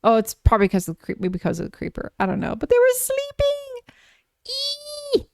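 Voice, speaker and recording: A woman streamer giving casual live gameplay commentary, gushing and excitable as she talks to herself and her chat. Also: medium pitch, racing, creaky, no room sound, clean studio sound.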